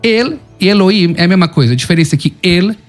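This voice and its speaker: Um homem, professor de hebraico, que explica com paciência num debate teológico. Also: male voice, sits high, expressive, quick pace, soft background music. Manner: explanatory, argues patiently. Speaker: Hebrew teacher. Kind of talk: theological debate.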